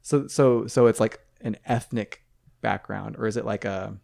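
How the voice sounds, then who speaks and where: A man's voice: fairly low pitch, steady tone, moderate pace, gravelly, warm tone. A man who teaches math, a guest on a casual podcast, talking in a friendly way and asking curious questions.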